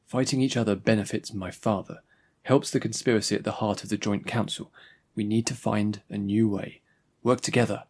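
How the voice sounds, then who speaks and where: A resolute young princess, urgent and commanding, as a male narrator voices her. He reads her only slightly higher than his own voice, which stays low and husky with a gravelly edge. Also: steady tone, normal speed, darkish tone.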